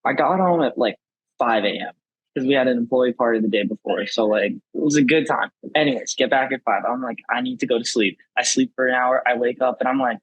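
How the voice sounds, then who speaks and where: Hoarse man in his 20s, easygoing podcast co-host, husky and dry. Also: medium pitch, brisk, no echo, dull audio. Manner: laid-back, rambling storyteller. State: hoarse, raspy from a cold. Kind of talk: casual chat.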